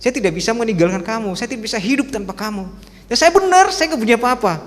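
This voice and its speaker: A man voicing a poor, sweet-talking husband in a joke, speaking gently and pleadingly. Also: on the high side, moderate pace, big-room sound, close to an everyday voice.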